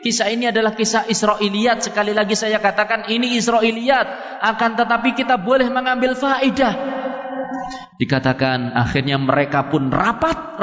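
Male preacher, high lively voice, storytelling sermon, roomy hall echo, dull sound. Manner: animated, acts out voices of characters, mixes in Javanese words.

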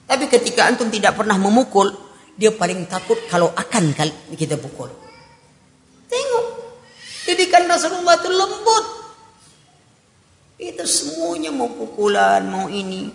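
A man's voice: sits high, sing-song, moderate pace, gravelly, a bit bright. A man preaching and answering audience questions, joking and acting out little everyday scenes. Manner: humorous, acts out little scenes. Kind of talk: sermon Q&A. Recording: echoey hall.

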